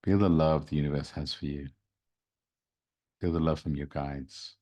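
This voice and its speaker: A man speaking as a spiritual host, leading a guided meditation in a gentle, soothing, unhurried manner. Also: very deep voice, fairly even intonation. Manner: slow, soothing, gentle delivery. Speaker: podcast host and spiritual reader.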